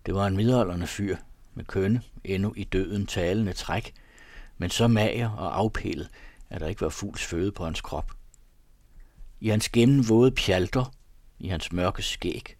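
A man narrating a literary story in a measured, ornate audiobook reading. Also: low voice, darkish tone, no room sound.

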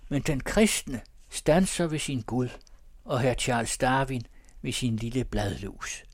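A man's voice: mid-range voice, dry recording, studio quality, natural voice. A man putting on a fervent preaching believer. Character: zealous pious man shouting his testimony.

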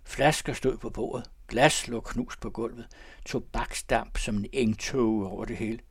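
A man narrating a classic literary story in a measured, storytelling manner. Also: medium pitch, steady tone, breathy edge, no room sound, studio quality.

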